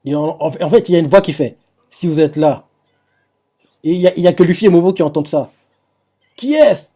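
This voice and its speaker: Man recapping an anime, dark mellow voice. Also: a little high, rapid-fire, husky. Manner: retells scenes with filler "quoi" and restarts. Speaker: anime reaction host. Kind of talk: live reaction recap.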